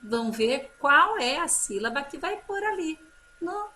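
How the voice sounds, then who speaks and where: A woman teacher leads a slow children's phonics lesson, stretching out each example word. Her voice is bright and fairly high, and it rises and falls a great deal as she encourages the class. A faint noise sits behind her. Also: big pitch swings. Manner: slow drawn-out model words, encouraging teacher talk.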